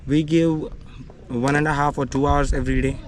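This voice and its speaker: A man's voice: a little high, level tone, normal speed. A young man with a Kashmiri accent answers interview questions politely, often adding "you know". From Srinagar, Kashmir. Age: young adult. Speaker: junior cricketer being interviewed. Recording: clear background ambient noise.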